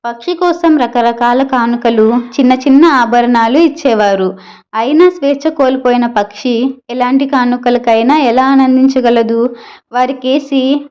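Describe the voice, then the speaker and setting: A woman narrating a children's moral story in a steady, clear storytelling manner. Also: high-pitched, dull audio.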